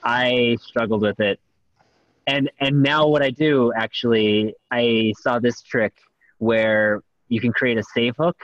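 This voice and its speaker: At a meetup held over a video call, a man explains his points agreeably in a casual discussion. His mid-range voice is steady and slow, and the audio is dull and dry with no echo.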